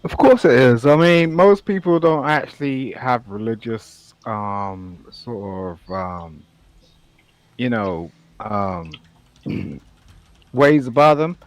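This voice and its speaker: A man arguing in a casual online debate, halting with many fillers and restarts. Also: medium pitch, dry recording. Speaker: debate panelist.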